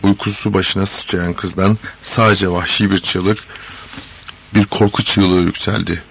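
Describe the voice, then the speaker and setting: A man reading a story aloud in measured, dramatic scripted narration. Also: low-pitched, little pitch movement, gravelly, a bit bright, a little hiss or hum. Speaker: audiobook reader.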